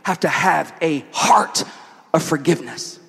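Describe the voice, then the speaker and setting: High-voiced preacher in a reverberant hall. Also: male voice, a little slow, vocal fry, slightly rough. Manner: repetitive, rhetorical questions, swings from loud to hushed. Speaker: pastor. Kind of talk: sermon. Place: church hall with an audience.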